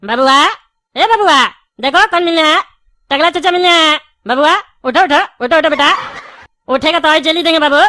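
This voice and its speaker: A woman voicing a bald male jelly candy seller in a cartoon who argues loudly and indignantly. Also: high-pitched, fairly quick, dry recording, clean studio sound. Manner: loud, indignant, bickering.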